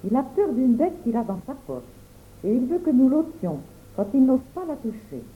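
A man's voice: very high voice, sing-song, normal speed, narrow, tinny audio, voice pushed up. A man voicing a young girl who mocks a frightened boy in a storybook reading. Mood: mocking. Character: mocking young girl, teasing a coward.

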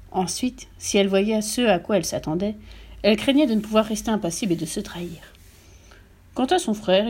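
A woman narrating a children's audiobook in a lively, expressive way. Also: mid-range voice, slightly rough.

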